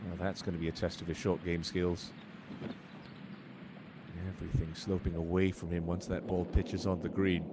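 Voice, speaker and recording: A man working as a golf commentator, giving measured live play-by-play with short observations on each shot. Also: low-pitched, level tone. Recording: loud ambient noise throughout.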